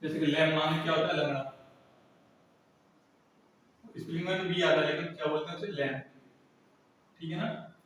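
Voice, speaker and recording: A man's voice: fairly high pitch, steady tone, normal speed, long pauses, a bit bright, slight background noise. A male teacher giving a classroom lesson who keeps asking and answering his own questions. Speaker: English teacher. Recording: echoey room, mic far off.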